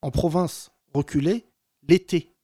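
Guy hosting a chatty talk show, kinda high voice, acts out quotes. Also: a little slow, slightly rough. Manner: animated storytelling, acts out quotes. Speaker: host. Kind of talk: casual chat on a talk show.

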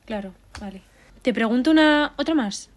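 A young woman interviewing someone in a relaxed, chatty way, passing on questions from fans. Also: a little high, normal speed. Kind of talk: casual conversation.

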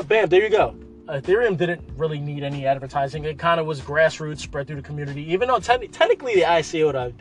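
A young man hosting a casual crypto news show, talking loosely with sarcastic asides and restarts. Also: fairly high pitch.

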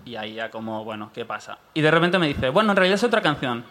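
A man telling a rambling funny story on a live comedy podcast, acting out his own thoughts as he goes. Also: a little high. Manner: fast, animated storytelling with quoted asides. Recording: live venue with long reverb.

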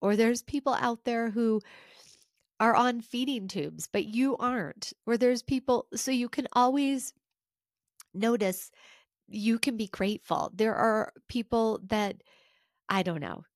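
A woman's voice: fairly high pitch, a little slow, dry recording, studio quality. A woman hosting a solo podcast, talking earnestly and encouragingly and asking her listeners questions. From United States. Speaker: podcast host. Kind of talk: reflective solo podcast talk.

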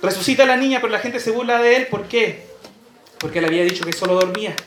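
A pastor preaching a sermon, telling a story and asking the congregation rhetorical questions. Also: male voice, high voice, fairly even intonation, quick pace, fairly bright tone, roomy sound, slight background noise.

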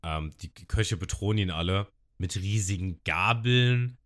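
A man's voice: low-pitched, measured pace. A man on a podcast, casually retelling an anime episode and acting out the characters' lines. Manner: lively retelling, acting out quotes with shouts.

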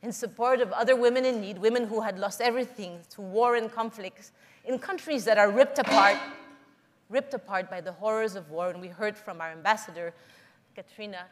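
A middle-aged woman from the Philippines giving an earnest, measured public talk, telling personal stories to an audience. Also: mid-range voice, long reverb tail. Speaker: conference speaker.

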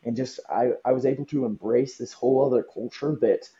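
A man's voice: medium pitch, steady tone, brisk, mellow. A young man from Southern California, a podcast guest talking earnestly and reflectively with frequent ums. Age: young adult. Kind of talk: podcast interview. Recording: dull lo-fi audio.

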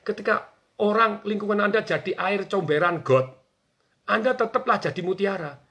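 A man talking on a radio show as a business coach, energetic and acting out quoted bosses and workers. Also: high voice, normal speed. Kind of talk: animated radio talk.

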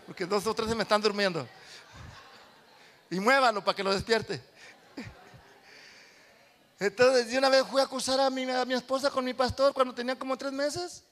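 A man preaching a sermon as pastor in a church, animated, swinging from soft confiding talk to loud shouting. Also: very high voice, normal speed, long pauses.

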